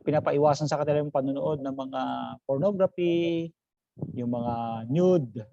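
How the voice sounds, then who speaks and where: Male pastor, lecturing a class, higher-pitched and mellow, dry lo-fi video-call audio. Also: steady tone, a little slow, a little hiss or hum. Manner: mixes English phrases into Tagalog, poses questions to the class; calls listeners brothers and sisters.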